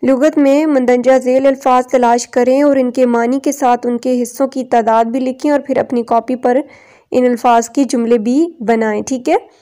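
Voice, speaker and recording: A woman teacher giving a recorded textbook lesson. She reads English text slowly word by word, then explains it in Urdu. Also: high voice, steady tone, dark tone.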